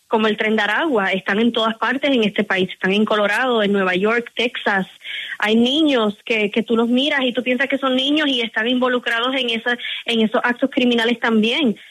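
A woman's voice: mid-range voice, fairly bright tone, low-quality recording. A Puerto Rican woman in her twenties, a campaign guest answering interview questions in an emphatic, insistent way and often repeating words. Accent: Puerto Rican Spanish. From Puerto Rico.

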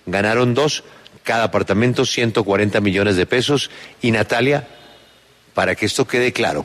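A man hosting a morning show, handing off to a reporter in a playful, teasing way. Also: mid-range voice. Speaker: radio show host. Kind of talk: lively morning show banter.

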